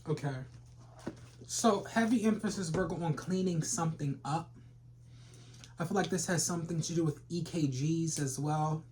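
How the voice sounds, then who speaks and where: A man's voice: a little high, normal speed, background noise. A man giving a rambling, casual tarot reading full of slang and repeated phrases. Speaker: tarot reader.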